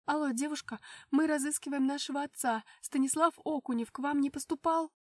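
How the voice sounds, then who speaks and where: A woman voicing the narrator's excitable young sister, who turns breathless and shrill when alarmed. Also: fairly quick, dry recording, studio quality, far from the mic, close to an everyday voice. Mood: flustered.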